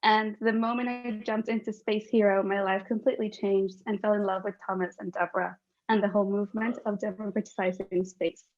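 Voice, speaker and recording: A woman from Chile, upbeat and quick to laugh, answering interview questions. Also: medium pitch, level tone. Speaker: guest, lawyer turned space volunteer. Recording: muffled lo-fi call audio.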